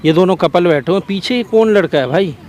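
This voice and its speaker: Excitable man hosting a street prank. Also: sits high, fairly quick, slight background noise. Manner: excited, repetitive urging. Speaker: prank video host. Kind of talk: hidden-camera prank commentary. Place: outdoors in a park.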